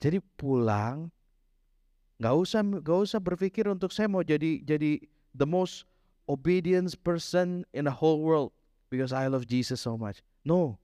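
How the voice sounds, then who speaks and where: A man's voice: a little high, dark tone, no room sound. Pastor code-switching in a dry room. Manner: switches between Indonesian and English mid-sentence; slows down for emphasis, storytelling delivery. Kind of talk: sermon.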